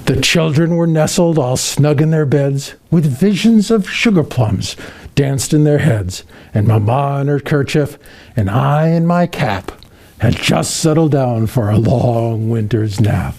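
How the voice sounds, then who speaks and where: Guy doing a jolly old santa reading a xmas storybook to kids, mellow n crackly voice, kinda expressive. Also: medium pitch, a little slow. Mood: warm storytelling. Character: Santa Claus, jolly kindly old man. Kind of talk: reading a children's Christmas poem aloud.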